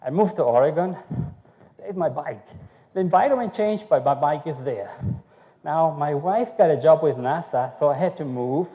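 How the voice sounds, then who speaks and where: A Chilean man, a food researcher, gives a conference talk in a conversational way and often checks in with "okay?". His voice is a little high and moderately paced. The lo-fi recording has the big-room sound of a conference hall.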